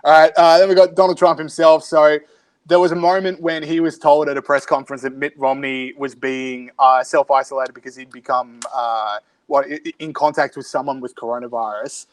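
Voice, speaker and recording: Australian male podcast co-host, dry and wry, slightly raised pitch, casual banter. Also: fairly even intonation, fairly quick. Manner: wry, sardonic, reads out tweets. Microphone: remote recording from home.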